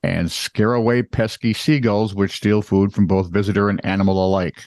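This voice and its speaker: A man co-hosting a comedic news podcast, reading headlines with teasing, deadpan quips. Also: lowish voice, moderate pace, no echo. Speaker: co-host.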